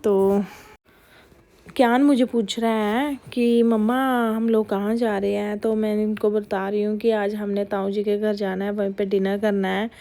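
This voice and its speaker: A woman's voice: mid-range voice, level tone, measured pace, mellow. A woman narrating a family vlog as a mother, chatty. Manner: chatty, scolding kids in quoted asides. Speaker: vlogger mother. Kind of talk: casual voice-over narration.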